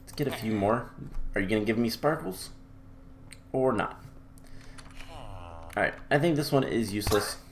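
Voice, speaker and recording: A gameplay commentator gives relaxed, chatty let's-play commentary over a modded game, with lots of ums. He's coming down with a cold, so his voice sounds a little off. It's on the low side, at a moderate pace with frequent pauses.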